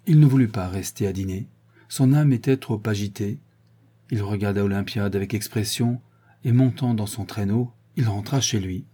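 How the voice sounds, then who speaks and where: A man reading a novel aloud as narrator in a calm, measured way. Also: fairly low pitch, husky. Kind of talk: audiobook reading.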